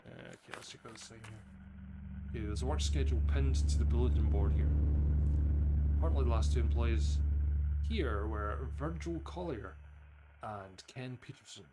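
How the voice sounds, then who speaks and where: Scottish man, game streamer, live horror playthrough, reads dialogue aloud, jumpy outbursts, middle pitch, steady background noise. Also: normal speed, long pauses. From Scotland. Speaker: gaming streamer. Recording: clear background noise behind voice.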